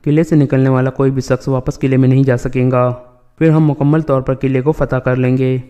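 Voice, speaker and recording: Guy reading a stern chief giving orders, flat and mellow. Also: medium pitch, clean tone, natural voice.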